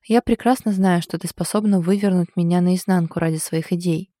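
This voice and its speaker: A woman's voice: fairly low pitch, steady tone, brisk, warm tone, no room sound, close to an everyday voice. A woman reading the lines of a fond, ironic husband in an audiobook. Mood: wry fond. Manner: dry, ironic, affectionate. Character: teasing husband, a man, fond and wry.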